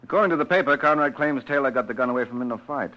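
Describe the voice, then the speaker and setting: A man's voice: mid-range voice, rapid-fire, close to an everyday voice. A man playing a self-assured private detective in an old radio crime drama, sardonic and bantering. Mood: wry. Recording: muffled vintage radio recording.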